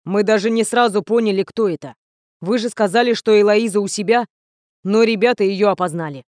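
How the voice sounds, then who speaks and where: A woman's voice: mid-range voice, fairly quick, a little mellow, no echo, lightly acted. A tired, grim male teacher in an audiobook, curt and commanding, as a woman reader puts him on. He speaks firmly and gives orders. The recording is dry and close. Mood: stern. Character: weary stern middle-aged male teacher.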